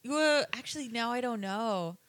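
A woman's voice: on the high side, lively intonation, normal speed, a bit bright, no echo. A woman guest on a chat podcast, laughing often in a playful, upbeat manner. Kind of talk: casual chat.

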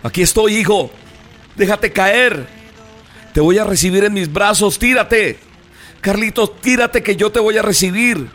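A man voicing a desperate father who shouts and pleads up to his trapped son. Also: sits high, unhurried, soft background music, pitched above the performer's own voice. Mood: urgent pleading.

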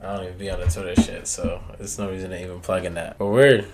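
Laid-back young man, lower voice. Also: little pitch movement, fast, a little mellow. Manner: brief, laid-back remarks, steers the wrap-up. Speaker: podcast co-host. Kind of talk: casual chat.

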